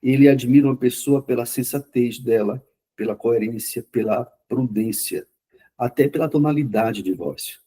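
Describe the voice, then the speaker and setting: A man lectures a class in a quick, conversational way, often repeating words to drive a point home. His voice is dark and mellow, with a slightly husky grain. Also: medium pitch. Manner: says himself he talks fast. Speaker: lecturer on mental health therapy.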